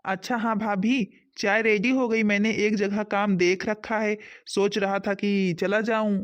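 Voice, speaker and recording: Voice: mid-range voice, flat delivery, a little slow, clean tone, natural voice. A performer playing a young husband who reasons with his family to defend his new wife in a skit. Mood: reassuring. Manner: pleading, reasoning. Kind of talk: village family skit acting. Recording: dull lo-fi sound.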